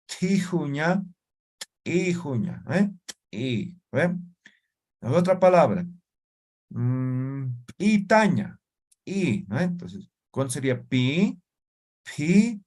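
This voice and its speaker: A man teaching a language class, talking slowly, checking in with his students and sounding out syllables one by one. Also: mid-range voice, darkish tone, breathy edge. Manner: slow, checks in with "¿no ve?" and "¿ya?". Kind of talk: classroom lesson.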